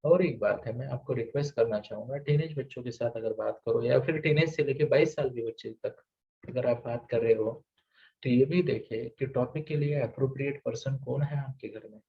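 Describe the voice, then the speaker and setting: A man's voice: medium pitch, moderate pace, gravelly. Man coaching parents from a distant mic. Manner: keeps checking in with rhetorical questions; asks the audience for shows of hands. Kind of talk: live parenting seminar talk. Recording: distant, dull lo-fi recording.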